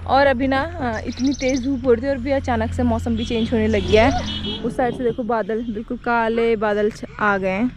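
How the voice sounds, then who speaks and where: A young woman with a high voice strolls outdoors through farm fields and talks casually to her viewers, showing them crops. She is recorded on a phone camera as she walks, with faint outdoor noise in the background. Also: fairly even intonation, moderate pace. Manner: chatty, shows things to viewers. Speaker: vlogger. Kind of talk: casual farm vlog narration.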